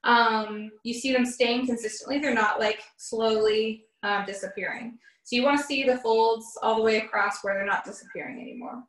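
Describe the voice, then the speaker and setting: A woman's voice: fairly high pitch, steady tone, moderate pace, few pauses, a bit bright. A young woman giving a casual cooking demonstration in a home kitchen, explaining each step in a chatty way with fillers. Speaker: cooking instructor. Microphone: camera across the counter. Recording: echoey kitchen, far from the mic.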